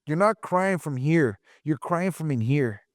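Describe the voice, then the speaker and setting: A podcast co-host with a slightly high male voice shares a personal testimony emotionally during a casual chat, repeating phrases and saying "bro" a lot. His intonation is lively and his pace unhurried, captured in studio quality with no echo.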